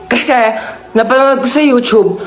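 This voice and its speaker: Woman, slightly high voice, one-person comedy skits with quick character switches, music underneath. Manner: quick switches between characters, bursts of shrieks and laughter. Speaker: comedy skit performer. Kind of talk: comic family skits, playing every role.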